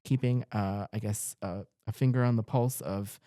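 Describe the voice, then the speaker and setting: A man's voice: fairly low pitch, steady tone, normal speed, dark tone, no echo, clean studio sound. A young man reporting farm news in a casual, jokey rundown, stumbling over place names now and then.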